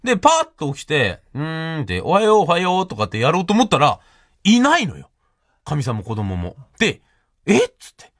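Lively high-voiced man telling a comic story. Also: brisk, no room sound, studio quality. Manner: animated, laughing often, acting out quoted voices. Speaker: radio show host. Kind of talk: solo comic storytelling monologue.

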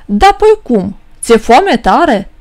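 A woman's voice: on the high side, big pitch swings, a little mellow. A woman voicing a bold, mocking young male peasant trickster in a storybook reading. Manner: mocking, bold and quick-witted.

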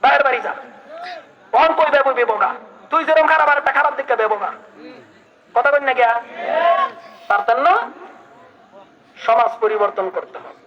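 A male preacher giving a fiery sermon, shouting at times and urging the crowd to answer. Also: very high voice, moderate pace, long pauses. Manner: shouting, dialect-heavy, urges the crowd to answer. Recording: dull lo-fi recording.

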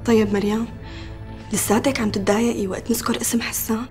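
A woman's voice: a little high, flat delivery, quick pace, darkish tone, faint music behind, lightly acted. An actress playing a caring young woman with a Syrian accent, soothing and coaxing her sister. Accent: Syrian Arabic. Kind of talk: TV period drama acting.

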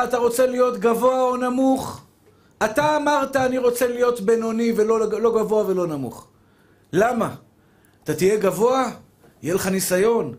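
A rabbi delivers a fervent sermon in a strikingly high male voice. He keeps calling his listeners dear brothers and throws rhetorical questions at them. He acts out dialogues between the soul and God. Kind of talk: spoken Torah lesson, sermon.

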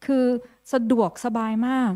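A woman's voice: unhurried, darkish tone, no room sound, clean studio sound. A woman giving an informal lecture over slides, talking in a chatty way with many fillers and restarts and dropping English terms into her sentences. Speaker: guest lecturer.

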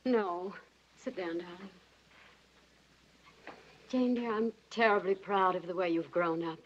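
Gentle middle-aged mom, tender and hesitant, an actress in the part, dull hissy 1940s track. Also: female voice, on the low side, steady tone, unhurried, natural voice. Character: gentle middle-aged mother breaking bad news. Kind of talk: 1940s film acting. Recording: muffled old film soundtrack.

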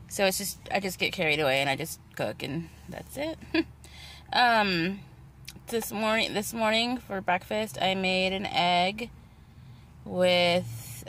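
Woman rambling through a kitchen cooking vlog, lots of um and like, kinda gravelly voice. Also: on the low side, slight background noise. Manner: rambling, full of fillers and self-corrections. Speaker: home cook vlogger. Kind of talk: casual home cooking vlog. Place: home kitchen.

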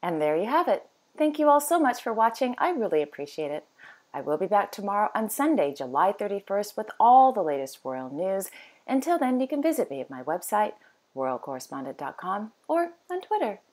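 A woman's voice: mid-range voice, very animated, a little fast, darkish tone. A woman hosting a daily royal news roundup, reading scripted items with chatty asides.

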